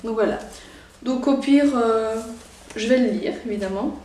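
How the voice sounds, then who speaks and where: Excitable Belgian woman, echoey room. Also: fairly high pitch, a little slow, distant mic, a little hiss or hum. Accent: Belgian French. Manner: chatty and excitable, many fillers. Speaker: YouTuber. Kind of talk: casual unboxing vlog. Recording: echoey room, voice somewhat off-mic.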